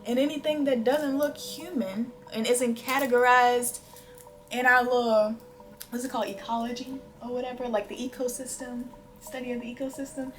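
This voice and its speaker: Casual female host, higher-pitched, slangy and emphatic, music behind her. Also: fairly bright tone. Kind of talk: casual chat.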